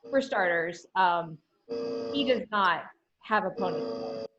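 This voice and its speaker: A woman's voice: lowish voice, very animated, slow pace, lo-fi sound. Woman comedian joking on a video call. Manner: dry jokes broken by frequent laughing and filler words. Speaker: comedian guest.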